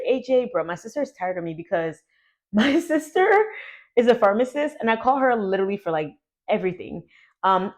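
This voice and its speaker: A young adult woman telling a personal story to her vlog audience in a chatty, animated way, full of "like". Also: medium pitch. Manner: chatty, animated, heavy use of "like". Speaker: YouTuber.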